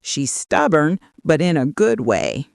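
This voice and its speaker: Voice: medium pitch, sing-song, slow, gravelly, dry recording, clean studio sound, full character voice. A narrator reading a loyal, earnest friend. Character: loyal woman friend vouching for grandmother.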